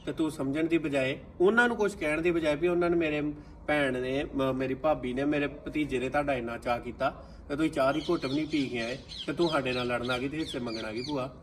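A man's voice: medium pitch, fast, a little hiss or hum, natural voice. An actor playing a young nephew who speaks to his aunt in a hurt, reproachful way, with a Punjabi accent. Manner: reproachful, pleading. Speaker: actor in a family drama. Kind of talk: scripted short film acting.

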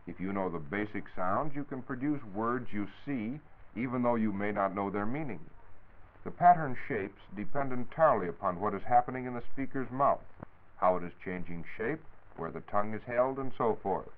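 The tinny, phone-like audio evokes 1940s radio, where an American man acts as a science reporter. His voice is on the low side and expressive at a normal speed, giving a formal, precise scripted explanation.

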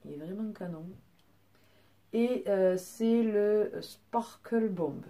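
At home, a young woman who is a beauty vlogger casually shows off her nail polish collection, chatting along with lots of fillers and restarts. Her voice is medium-pitched, slow and mellow, in the manner of a relaxed product show-and-tell.

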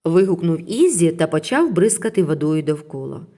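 Expressive woman reading a children's story. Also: sits low, moderate pace.

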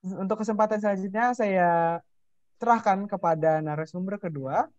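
A woman moderates a webinar in a polite, formal way, with short handovers at a mid pitch. Her voice comes over dry, dull call audio. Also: moderate pace, a little mellow, no echo. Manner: polite, brief. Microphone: video call.

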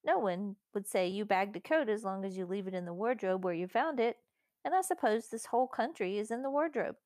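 A woman voicing an eager, take-charge eldest brother, brisk and earnest, in a storybook reading. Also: mid-range voice, animated, darkish tone, no room sound, studio quality, lightly acted. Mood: reproachful. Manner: brisk, earnest, well-spoken.

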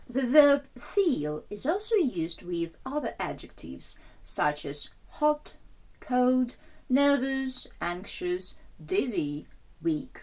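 Woman teaching English with a lively voice. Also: mid-range voice. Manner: explains in Ukrainian, reads English examples slowly. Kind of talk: recorded language lecture.

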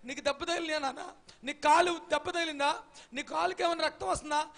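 A man's voice: extremely high pitch, fairly even intonation, quick pace, vocal fry, fairly bright tone, voice pushed up, exaggerated voice. A man doing a tender pleading old mother.

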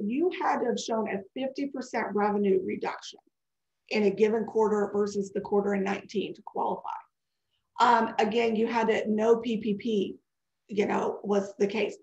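A forties-aged woman hosts a live webinar by webcam, answering questions in a talkative, digressive manner. She has a medium-pitched, darkish voice that sounds congested and scratchy. The call audio is dull, with echo.

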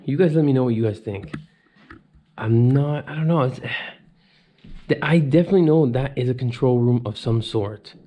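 A man's voice: medium pitch, moderate pace, warm tone. A man in his thirties filming a casual walkthrough vlog of an abandoned house, musing aloud to his viewers. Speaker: urban explorer vlogger. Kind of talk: handheld exploration vlog. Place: abandoned fire-damaged house, indoors. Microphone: handheld camera.

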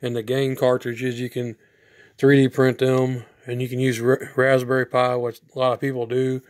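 A man with a slightly hoarse voice, casually reviewing a game cartridge in a rambling way. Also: medium pitch, normal speed, a little hiss or hum. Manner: rambling, flat delivery with restarts. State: hoarse from sinuses. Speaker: product reviewer.

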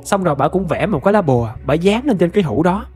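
A man's voice: sits high, animated, fast, darkish tone, slightly rough, faint music behind. A man with a Southern Vietnamese accent narrating a ghost story in a chatty way, often addressing his listeners directly.

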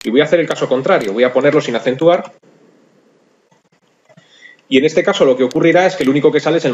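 A man narrating a software screencast tutorial in a conversational way, talking straight to his viewers. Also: mid-range voice, muffled recording. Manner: conversational, addresses viewers directly. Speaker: software instructor.

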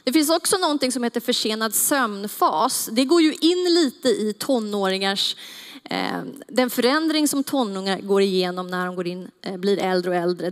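Woman lecturing on a big stage. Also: medium pitch. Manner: clear, measured listing with pauses. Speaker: child psychologist lecturer. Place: large theater stage. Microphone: headset mic. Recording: long hall reverb.

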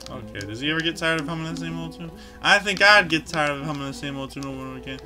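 A man's voice: on the high side, very fast, bright, forceful tone. A man hosting a casual let's play, commenting on his game in a goofy, jokey, self-mocking way at a desk microphone. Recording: game music playing underneath.

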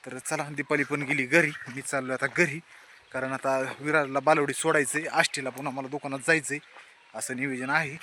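A man's voice: medium pitch, flat delivery, fairly quick, pushed and bright, a little hiss or hum. A man, chatting casually to camera as a vlogger on his farm and village road. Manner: chatty, talks to camera and family. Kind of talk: casual vlog narration.

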